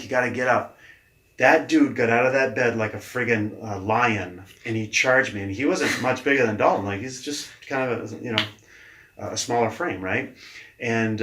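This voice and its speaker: A man in his forties, a guest leadership coach, telling stories from his life in casual conversation with an animated, mildly profane manner. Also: on the low side. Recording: echoey room.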